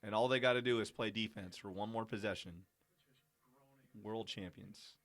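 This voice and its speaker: Low-voiced man doing excited watch-along chat. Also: moderate pace, dry recording. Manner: excited, chatty, addresses listeners as y'all. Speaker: podcast host. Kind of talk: live watch-along commentary.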